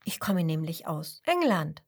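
A woman's voice: low voice, big pitch swings, unhurried, husky, exaggerated voice. A woman voicing a curious young squirrel from England who asks eager questions.

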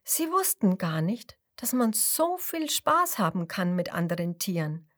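Slow, expressive woman reading a children's story. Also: medium pitch. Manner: slow, expressive, sometimes dropping to a whisper.

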